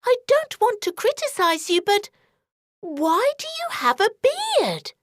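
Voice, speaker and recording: A woman's voice: very high-pitched, wildly swooping pitch, slow, no room sound, clean studio sound, pitched above the performer's own voice, exaggerated voice. A woman voicing a bold, outspoken little girl in a children's story, exclaiming pertly. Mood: pert, inquisitive.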